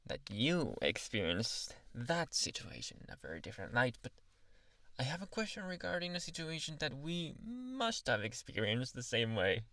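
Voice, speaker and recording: Man acting a slow, shy boyfriend, ASMR role-play. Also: mid-range voice, dry recording. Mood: playful teasing. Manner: soft, halting, intimate, teasing. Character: shy, tender, adoring young boyfriend reminiscing.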